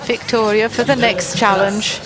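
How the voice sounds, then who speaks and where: A woman's voice: mid-range voice, steady tone, measured pace, a crowd in the background, poor audio. A woman giving live sports commentary in an encouraging, exclaiming way, often repeating her phrases. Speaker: live event commentator, also relaying a translator's words.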